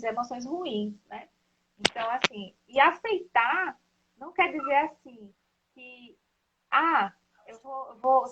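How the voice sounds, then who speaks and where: A woman's voice: high voice, fairly bright tone, slight background noise. A woman hosting a casual live talk, explaining at length and often checking in with "né?". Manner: explanatory, leans on "né?" and "então, assim". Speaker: host of a live discussion. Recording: dull lo-fi live stream audio.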